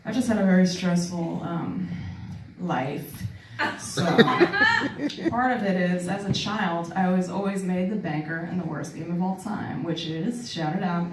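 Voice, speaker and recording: A woman's voice: lowish voice, animated, measured pace, recorded from a distance. A woman from New doing a stand-up comedy set in a club, conversational and self-deprecating, teasing the crowd, a little tired. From New York City. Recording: roomy live club sound from off-mic. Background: audience laughter.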